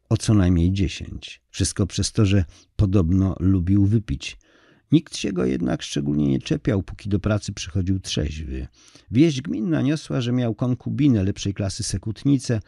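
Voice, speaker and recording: A man reads a story aloud in a calm, measured way. His voice is low and mellow, and the recording is dry and close. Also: creaky, husky, dry recording. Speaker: narrator. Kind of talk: story reading.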